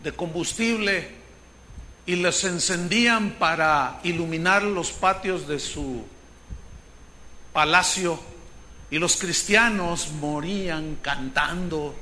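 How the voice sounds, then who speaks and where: A male pastor preaching a sermon with fervor, rising to shouts at its peaks. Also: fairly high pitch, slow pace.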